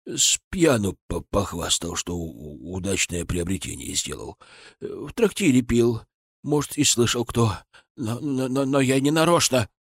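A man's voice: mid-range voice, lively intonation, unhurried, vocal fry, breathy edge, dry recording, clean studio sound, heavily acted. A man voicing a frightened, stout male merchant who stammers and whines shrilly in an audiobook. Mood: cowed.

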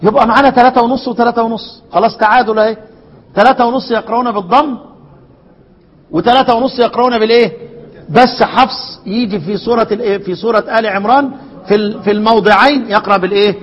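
A man with an Egyptian accent teaching Quran recitation to a class, asking questions and dropping into slow chanted verses. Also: high-pitched, fairly even intonation, highs cut off. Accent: Egyptian Arabic. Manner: asks the class questions and repeats answers. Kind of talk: classroom lesson. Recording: long hall reverb.

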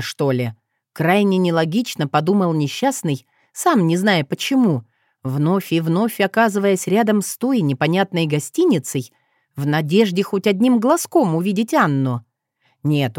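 Woman reading a story out loud, lively, low-ish voice, dry close mic. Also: dry recording. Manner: expressive reading with voiced dialogue. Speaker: audiobook narrator. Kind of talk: scripted narration.

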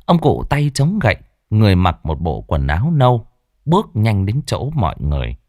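Deep-voiced man telling a ghost story. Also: moderate pace, no room sound, studio quality. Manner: dramatic, expressive storytelling.

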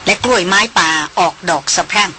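A woman narrating an adventure novel as an audiobook, reading in a measured, descriptive way. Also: medium pitch, steady tone, pushed and bright, a little hiss or hum.

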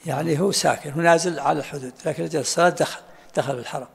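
A man, a sheikh teaching a text who breaks in with quick colloquial explanations and questions; gravelly, husky voice. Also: fairly high pitch. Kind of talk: explaining and commenting during a text reading. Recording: long hall reverb.

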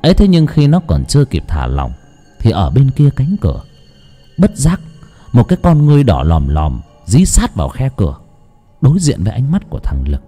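A man's voice: mid-range voice, huge pitch swings, moderate pace, warm tone, breathy edge, soft background music. A man narrating a horror audiobook in a suspenseful, dramatic way.

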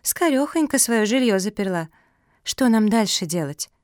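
A woman voicing a small, clever female chihuahua in a children's audiobook, brisk and cheeky. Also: mid-range voice, animated, a little mellow, dry recording, clean studio sound, lightly acted.

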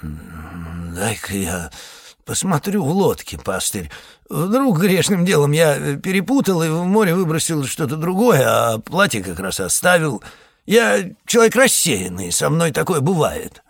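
A man's voice: a little high, sing-song, a little slow, gravelly, breathy edge, no echo, studio quality, pitched above the performer's own voice, exaggerated voice. A man voicing a wary, greedy ferryman who grumbles and dodges questions, read as an audiobook. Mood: eager. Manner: grumbling and evasive. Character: wary, greedy middle-aged ferryman, evasive liar.

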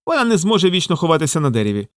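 A man's voice: fairly high pitch, big pitch swings, very fast, a bit bright, no room sound, pitched above the performer's own voice. Cunning male wolf played by a man, silky and coaxing, raised voice, dry close sound. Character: sly smooth-talking male wolf, cunning.

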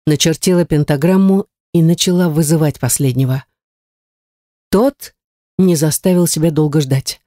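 Woman narrator, first-person story, wry and lively, mellow low voice, dry close sound. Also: dry recording. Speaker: audiobook narrator.

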